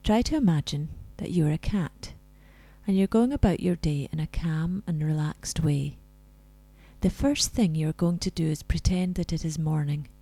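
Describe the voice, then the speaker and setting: A woman leading a scripted guided relaxation in a soft, soothing, breathy spa-like voice that comes close to a whisper. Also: low-pitched, normal speed, no room sound.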